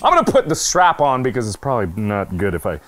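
A young man giving let's play commentary on a virtual reality zombie shooting game, swearing and joking, dropping to mutters and jumping to yelps and shouts. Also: mid-range voice, wildly swooping pitch, fast. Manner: swears and jokes while playing. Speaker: gaming YouTuber.

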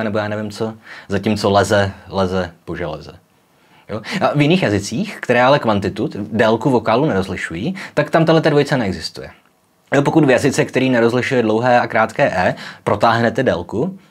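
A young man hosting a casual popular-science video, explaining in a chatty way with frequent tag questions and demonstrating sounds aloud. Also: fairly low pitch. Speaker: educational video host.

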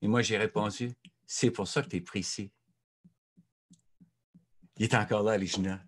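A man in his sixties with a Canadian French accent, an author telling lively anecdotes to an audience of teachers. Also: on the low side, normal speed, breathy edge. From Saskatchewan, Canada. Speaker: author giving a talk. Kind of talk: storytelling talk to teachers.

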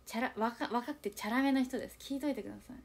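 A woman's voice: a little high, very fast, gravelly, slightly rough. A young woman in an idol group chatting casually on a livestream, reading viewer comments and confiding in a self-deprecating way, acting out little quoted exchanges. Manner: animated, acts out little quoted exchanges in changed voices. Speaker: idol group member streaming live.

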